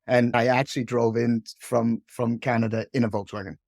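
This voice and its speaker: A man's voice: mid-range voice, flat delivery, normal speed, a little mellow, no room sound, clean studio sound. A middle-aged man from Hong Kong, a podcast guest, telling his career story in a chatty way and tagging many sentences with "right?". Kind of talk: casual storytelling.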